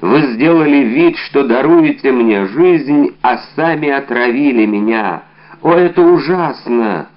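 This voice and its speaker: A man's voice: medium pitch, lively intonation, measured pace, highs cut off, voice pushed up, lightly acted. A man voicing a dying poisoned soldier, anguished. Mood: anguished, accusing. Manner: shouting accusations.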